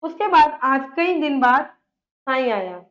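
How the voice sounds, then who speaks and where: A woman's voice: high voice, expressive, a little slow. A woman teacher reading a story aloud and restating each part in simple words for children. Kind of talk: reading and explaining a textbook story. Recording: dull lo-fi sound.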